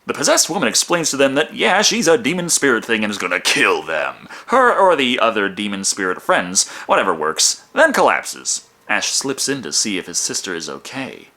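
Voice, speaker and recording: A man with a bright, forceful voice and very lively intonation delivers comedic review narration. He is sarcastic and swears freely, often feigning hesitation. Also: mid-range voice, normal speed, hardly any pauses. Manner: sarcastic, profane, mock-hesitant. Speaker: film reviewer.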